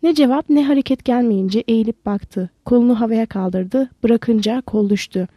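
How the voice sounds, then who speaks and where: A woman narrating an audiobook in a steady, even storytelling manner. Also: a little high, moderate pace, breathy edge, no room sound.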